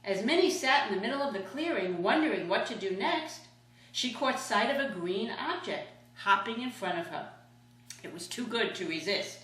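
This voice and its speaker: A woman's voice: mid-range voice, lively intonation, normal speed, fairly bright tone. A sweet older woman, a grandmother, reading a children's storybook aloud expressively. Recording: echoey room.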